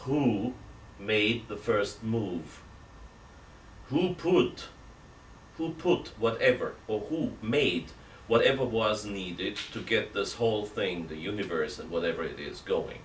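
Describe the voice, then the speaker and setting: A middle-aged priest sits in an armchair indoors giving a catechism talk, reasoning aloud with emphatic rhetorical questions while gesturing with both hands. His voice is lowish and expressive, moving at a slow pace. The recording is roomy, with the mic at a distance and a faint hiss.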